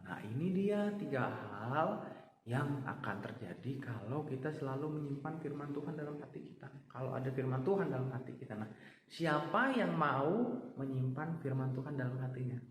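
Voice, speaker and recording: A man giving a children's sermon, speaking in an animated, storytelling way and acting out voices for the kids. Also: mid-range voice. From Indonesia. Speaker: children's church teacher. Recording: echoey hall, faint background noise.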